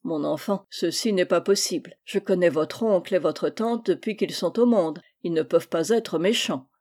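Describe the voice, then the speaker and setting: A woman voicing a frank, gruff but kindly old man in a storybook reading, blunt and stern. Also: fairly low pitch, moderate pace, a little mellow, lightly acted. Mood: teasing.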